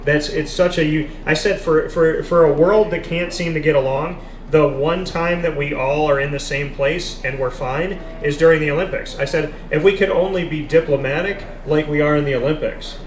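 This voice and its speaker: This live sports chat comes from a café with echo and background noise. The male host's voice sits on the high side, and he keeps a steady tone at normal speed with hardly any pauses, stressing his points emphatically and repeating them.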